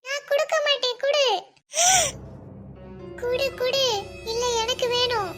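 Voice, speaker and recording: A woman voicing a stubborn, squabbling little girl in a cartoon, with a shrill, whiny Tirunelveli Tamil accent. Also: takes it slowly, fairly bright tone, faint music behind, heavily acted. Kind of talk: cartoon voice acting.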